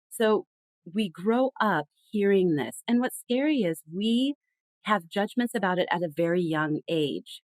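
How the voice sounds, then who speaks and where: Speaking in a mid-range voice, a woman appears as a guest on a podcast and chats about communication with emphatic, expressive, lively storytelling. The low-quality recording carries no room sound.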